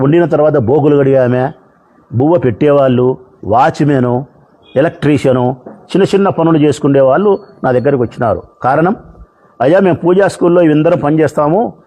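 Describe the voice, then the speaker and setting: A man's voice: medium pitch, dark tone. A man speaking as a politician, addressing the press in an impassioned, repetitive way. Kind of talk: public speech to press.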